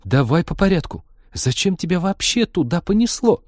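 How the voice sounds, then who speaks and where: A man's voice: sits high, big pitch swings, normal speed, a little mellow, no room sound, studio quality, voice pushed up. A man voicing an exasperated young woman who talks sharply. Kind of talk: audiobook character voice.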